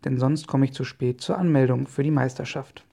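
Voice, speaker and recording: A man reading the lines of a hearty, hurried inventor professor in a children's audio story. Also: medium pitch, creaky, warm tone. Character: excitable inventor professor, middle-aged man.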